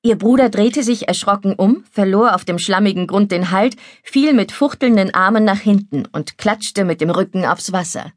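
Woman, audiobook narration, calm measured reading, middle pitch, dry studio sound. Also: no echo. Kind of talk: scripted narration.

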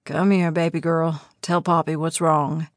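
Woman voicing a worried man with a husky voice. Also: level tone, a little slow, no room sound. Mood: tender. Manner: low, husky, urgent. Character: man, a worried father and fiancé. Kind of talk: audiobook character voice. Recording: dry close studio sound.

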